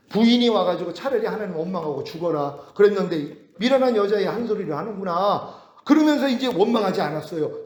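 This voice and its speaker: A man giving a sermon-style Bible lecture, animated, often chuckling and asking rhetorical questions. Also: high voice. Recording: roomy echo.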